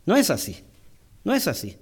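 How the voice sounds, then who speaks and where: Male preacher, high voice, church sermon, reads scripture, then explains slowly with pauses. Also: huge pitch swings, a little mellow, husky. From Chile.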